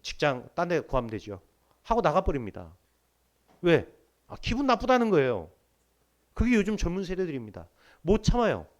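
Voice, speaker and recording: A middle-aged man preaching a sermon in church, emphatic and humorous, while sick with body aches. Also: high voice. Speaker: pastor. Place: church sanctuary.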